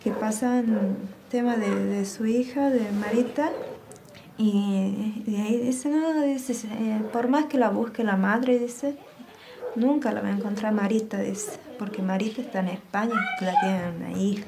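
A woman with an Argentine accent giving personal testimony, recounting events by quoting dialogue in a low, subdued way. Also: steady tone, unhurried, gravelly, a crowd in the background. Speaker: interviewee.

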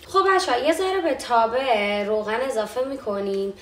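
A woman's voice: fairly high pitch, expressive. Chatty young woman hosting a kitchen demo. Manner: chatty, explains step by step. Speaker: cooking show host. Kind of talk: casual cooking demonstration. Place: home kitchen. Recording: echoey kitchen, faint background noise.

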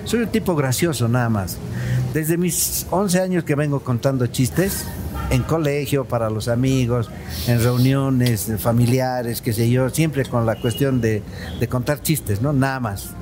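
A man in his sixties from Bolivia, a comedian and dental technician, chatting as a guest in a relaxed, storytelling way and calling the host brother. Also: medium pitch, unhurried, over music. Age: 60s. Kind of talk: casual interview chat. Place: studio set with a round table, at night.

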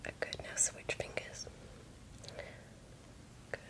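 A woman in her twenties doing fast whispered ASMR in a breathy, unvoiced whisper, repeating words and giving little instructions. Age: 20s. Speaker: ASMR creator. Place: small bedroom indoors.

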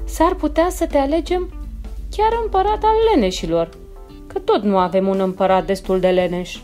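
A woman's voice: mid-range voice, animated, a little mellow, faint music behind, close to an everyday voice. A woman voicing a sly, scheming female neighbor cat in a children's storybook. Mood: coaxing.

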